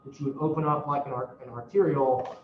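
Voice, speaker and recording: A man's voice: mid-range voice, steady tone, fast, slight background noise. A man lecturing a university class in a casual, self-mocking way, swearing now and then. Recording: roomy, distant, dull classroom recording.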